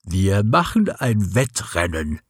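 A man voicing a slow, wise-sounding female snail in a storybook reading. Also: low-pitched, sing-song, husky, no echo, clean studio sound, pitched below the performer's own voice, full character voice. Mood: deliberate.

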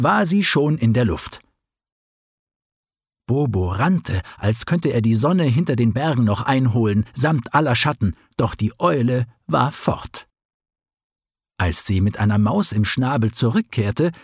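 A man reading a children's story aloud in a slow, expressive storybook narration. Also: medium pitch, breathy edge, no room sound, studio quality.

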